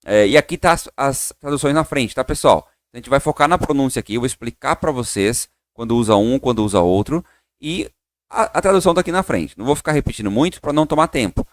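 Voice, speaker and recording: A Brazilian man teaching English online, upbeat and encouraging, drilling slow repetitions of words. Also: medium pitch, expressive, no room sound. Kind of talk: online English lesson for Portuguese speakers.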